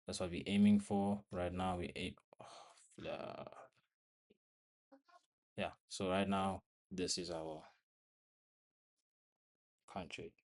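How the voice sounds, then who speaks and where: A young man with a low voice narrates his live trade to viewers, speaking in clipped, broken phrases. He sounds a little out of breath and talks casually, as if from his bedroom at home. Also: lively intonation, slow, creaky, long pauses, a little mellow. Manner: talks to viewers while watching the screen, in short broken phrases. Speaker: trading vlogger.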